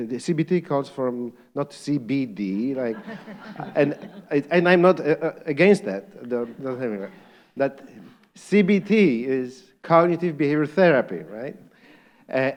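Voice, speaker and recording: A man's voice: mid-range voice, darkish tone. A middle-aged man with a Polish accent moderates a live panel, asking the audience questions and often chuckling as he speaks.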